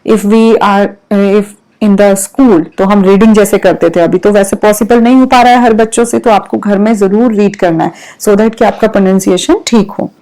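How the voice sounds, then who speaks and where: A woman's voice: medium pitch, fairly even intonation, normal speed, hardly any pauses, warm tone, poor audio. A woman teaching English vocabulary with an Indian accent, spelling words out letter by letter and explaining their meanings patiently. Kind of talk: vocabulary lesson mixing English and Hindi.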